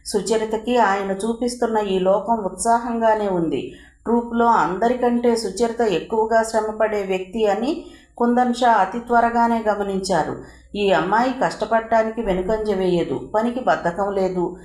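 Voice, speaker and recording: Woman reading a novel chapter, steady storyteller, echoey room sound. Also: mid-range voice, moderate pace. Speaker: audiobook narrator. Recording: roomy echo.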